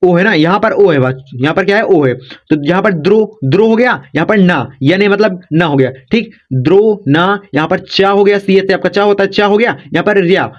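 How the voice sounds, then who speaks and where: A man's voice: high voice, brisk, hardly any pauses, highs cut off. A man giving a casual spoken lesson as a teacher, patient and repetitive, coaxing his students along. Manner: repetitive, coaxing, says "dekho" and "yaar" often.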